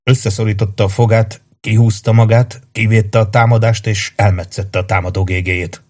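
A man narrating an audiobook in a measured, dramatic reading voice. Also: lowish voice, little pitch movement, darkish tone.

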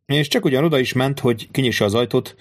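A man reading a classic novel aloud as an audiobook narrator, in a steady, measured storytelling manner. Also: medium pitch. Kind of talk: scripted literary narration.

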